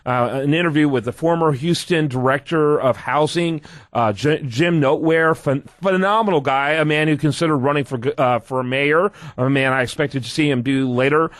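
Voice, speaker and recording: Brisk male radio talk show host. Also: a little high, no room sound, clean studio sound. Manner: brisk, plugs the website and steers the guest.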